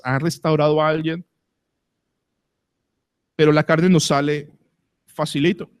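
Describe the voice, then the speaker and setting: A man with a Colombian accent, a pastor preaching a sermon at a church service, asking the congregation questions and slowing down to stress words. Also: a little high. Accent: Colombian Spanish.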